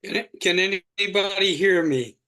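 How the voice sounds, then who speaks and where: Man, high bright voice, choppy breaking-up call audio, halting as he cuts in. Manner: halting, trying to cut in. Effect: choppy, breaking-up video call audio. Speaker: participant in a group video call. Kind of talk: casual chat. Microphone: video call.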